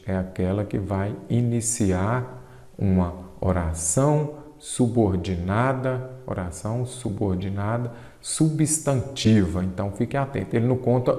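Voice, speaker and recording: A man teaching a Portuguese exam-prep grammar lesson, explaining emphatically and drawing out key terms slowly. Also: on the low side, mellow. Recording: echoey, reverberant room.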